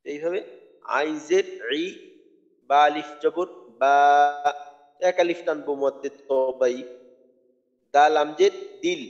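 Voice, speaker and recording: Man, tajweed lesson, fairly high voice, long reverb, dull recording, patient letter-by-letter teaching. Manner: patient, spells out letters and drills slow drawn-out recitation. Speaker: Quran recitation teacher.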